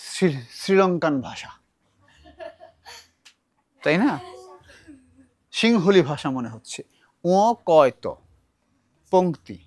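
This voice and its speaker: In a classroom lesson on recitation, a man from Bangladesh with a Bangladeshi Bengali accent patiently explains and models pronunciation by saying words aloud repeatedly. His voice is a little high, with no room sound.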